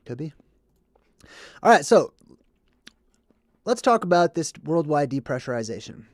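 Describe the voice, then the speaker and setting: Slightly high-pitched and very animated, this man speaks unhurriedly in clean studio sound with no room sound. He's hosting a livestream, explaining and reading chat despite being a bit congested and under the weather, with frequent "okay" or "right" check-ins.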